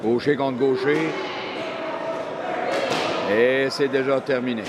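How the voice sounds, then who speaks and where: A man's voice: mid-range voice, steady tone, slow pace. A man with a Quebec accent giving colloquial live boxing commentary. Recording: noisy venue background.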